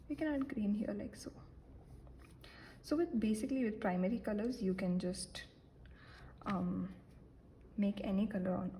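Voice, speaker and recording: A young woman giving a relaxed painting lesson, chatty and self-deprecating, with many fillers and soft whispered asides. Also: mid-range voice, vocal fry, slight background noise, low-quality recording. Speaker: art teacher. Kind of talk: casual painting tutorial.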